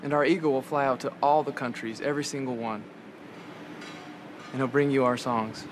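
A man's voice: mid-range voice, steady tone, moderate pace, noisy background. A man giving an enthusiastic casual tour through a theater, pointing out the stage and lobby. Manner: enthusiastic, showing off. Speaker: tour guide. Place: inside a theater.

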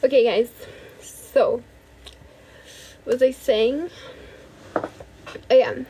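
In a relaxed bedroom livestream, a young woman from Brazil speaks very slowly in a high voice into a phone held out at arm's length. She chats casually, keeps thanking her viewers, and switches languages now and then, with slight background noise.

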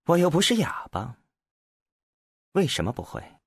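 A man voicing a young androgynous Solarian who speaks clearly, briskly and with faint mockery, in an audiobook. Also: on the high side, wildly swooping pitch, dry recording, clean studio sound, exaggerated voice. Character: young androgynous Solarian, pleasant but scornful. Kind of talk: audiobook character voice.

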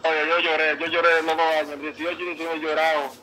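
A man's voice: on the high side, flat delivery, fast talker, bright, forceful tone, a little hiss or hum, low-quality recording. A man talking as a baseball player guest in a casual interview, earnest and emotional, often repeating himself. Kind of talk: casual interview, heartfelt storytelling.

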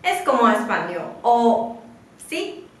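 A woman, a Mandarin speaker, giving a slow and patient beginner lesson, drawing out syllables for her students to repeat. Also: fairly high pitch, sing-song. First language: Mandarin Chinese. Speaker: Chinese teacher. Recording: roomy echo.

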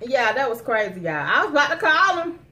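A woman's voice: high voice, big pitch swings, brisk, pushed and bright. A woman in her thirties hosting a casual mukbang, chatting and complaining to viewers at a table at home. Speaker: mukbang host. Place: dining table in a home living room. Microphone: camera across the table. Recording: noisy home room recording.

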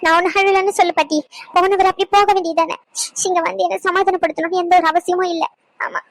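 A woman's voice: very high voice, little pitch movement, quick pace, dry recording, rough recording. A woman voicing a sulking young wife who answers in short, curt lines. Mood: huffy. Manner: huffy, curt.

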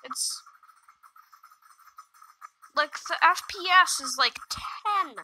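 A woman's voice: very high-pitched, lively intonation, very slow, bright, forceful tone, a little hiss or hum, poor audio. A woman giving casual, sarcastic gameplay commentary, complaining and swearing freely as she plays. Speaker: gaming video creator.

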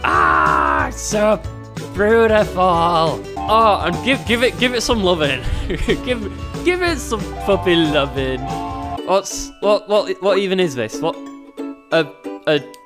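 A man's voice: sits high, very animated, slow pace. A British man in his twenties doing casual, jokey, sarcastic and sweary gaming commentary for his channel. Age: 20s. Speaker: YouTube gaming host. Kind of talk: casual let's-play commentary. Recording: music behind the voice.

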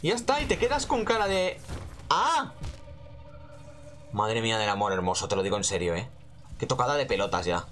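A man's voice: lowish voice, very animated, fast talker, fairly bright tone, soft background music. A man with an accent from Spain giving casual gameplay commentary in a rambling, slangy way with lots of swearing. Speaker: gaming host.

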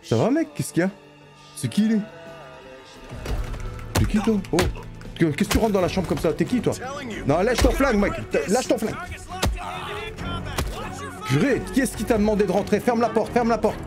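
A man giving comic gameplay commentary, joking, laughing and shouting at the characters. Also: sits high, lively intonation, moderate pace, long pauses, over music. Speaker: gaming youtuber.

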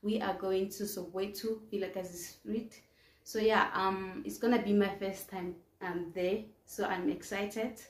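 A woman's voice: mid-range voice, fairly even intonation, unhurried, roomy sound. A young South African woman vlogging to the camera in a chatty, upbeat way, with lots of ums. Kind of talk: casual vlog talk to camera. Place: indoors in front of a plain wall.

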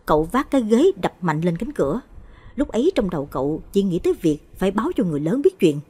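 A woman narrating a late-night horror story with a husky voice. Her pitch swings widely as she tells it with drama and expression. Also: very animated, fast talker, darkish tone.

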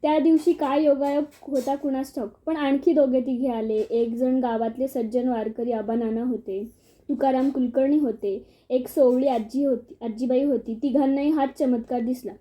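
A woman's voice: high voice, steady tone, moderate pace, warm tone. A woman reading a humorous village story aloud, telling it expressively and acting out the outbursts. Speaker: audiobook narrator. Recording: dull lo-fi recording.

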